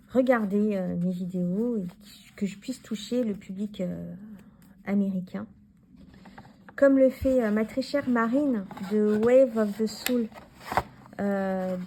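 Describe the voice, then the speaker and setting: A woman in her forties from France talks casually through her tarot decks, with a warm, mellow voice. She rambles and restarts her sentences, speaking straight to the viewer. Faint noise sits behind her. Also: medium pitch. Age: 40s. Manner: chatty, rambling, many fillers and restarts; talks to the viewer directly, handling cards. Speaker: tarot YouTuber. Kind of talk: casual deck review vlog.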